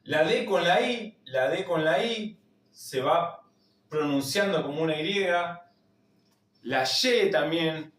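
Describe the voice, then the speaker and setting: A man with an Argentine accent teaching a language lesson, repeating each word slowly to drill its pronunciation. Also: on the high side, animated, fairly bright tone, echoey room, recorded from a distance. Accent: Argentine Spanish. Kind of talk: slow spoken lesson.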